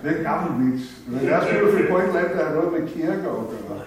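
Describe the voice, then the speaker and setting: A man's voice: fairly high pitch, animated, far from the mic, crowd noise. An older man from West Jutland giving an earnest, heartfelt personal faith talk in a church, wandering and restarting as he goes. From West Jutland, Denmark. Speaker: lay speaker at a church gathering. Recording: very echoey church, voice from afar.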